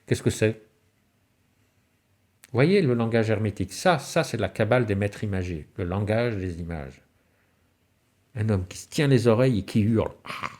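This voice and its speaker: A man's voice: fairly low pitch, animated, normal speed, long pauses, darkish tone. A man giving a spiritual talk on alchemy and symbolism, telling stories with rhetorical questions and sudden rises and falls in his voice. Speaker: lecturer.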